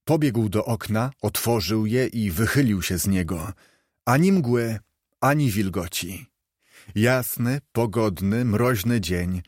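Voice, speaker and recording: A man reading an audiobook aloud in a lively, expressive way. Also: lowish voice, slow pace, no echo, clean studio sound. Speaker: audiobook narrator. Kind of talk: scripted narration.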